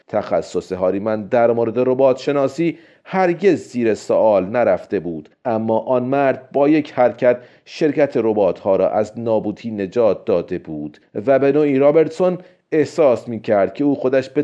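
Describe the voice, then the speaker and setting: Mellow male audiobook narrator. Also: mid-range voice. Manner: steady storytelling. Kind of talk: scripted narration. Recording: dull lo-fi recording.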